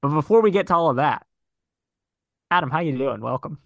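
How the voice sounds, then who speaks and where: A man's voice: on the high side, expressive, fairly quick, gravelly, no room sound. Upbeat man hosting a sports podcast. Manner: chatty, upbeat, with frequent fillers. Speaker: podcast host. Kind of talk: casual sports podcast chat.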